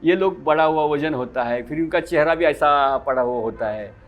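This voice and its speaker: A man teaching a yoga class, lecturing in a lively way and putting questions to his students that he then answers himself. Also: on the high side, moderate pace, highs cut off.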